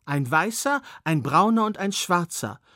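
A man's voice: sits high, big pitch swings, a little slow, sharp tone, dry recording, studio quality, exaggerated voice. A man voicing an old woman who solemnly foretells a curse, in a storybook reading. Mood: ominous.

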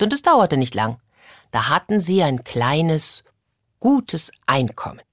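A woman telling a fairy tale for children in an expressive, dramatic storytelling manner. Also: low voice, no echo, studio quality.

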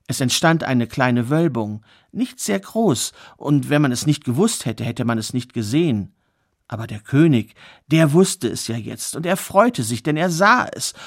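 A man telling a fairy tale aloud, in a measured, expressive way with pauses for effect. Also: mid-range voice. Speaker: storyteller. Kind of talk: oral fairy tale storytelling.

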